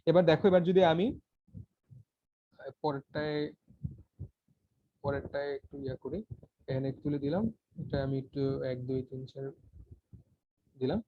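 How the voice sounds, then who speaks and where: A man's voice: on the high side, normal speed, long pauses. A man teaching a casual computer tutorial, talking informally with many fillers and restarts. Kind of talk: casual screen-recorded tutorial. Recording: dull lo-fi voice recording.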